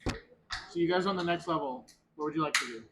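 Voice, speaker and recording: Casual male game master, slightly high voice, light background hum. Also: brisk. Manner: casual, laughs often, talks with mouth full. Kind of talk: running a tabletop game.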